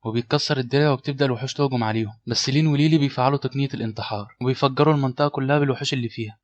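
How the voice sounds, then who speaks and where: A man with an Egyptian Arabic accent narrating a story recap in a brisk scripted style. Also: mid-range voice, no room sound. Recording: slightly dull lo-fi audio, faint music.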